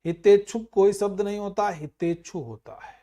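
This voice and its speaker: A male teacher running an exam prep grammar lesson, explaining each answer with everyday examples and dropping low and quiet on the answers. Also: moderate pace. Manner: explains with everyday examples, calls students "bhai".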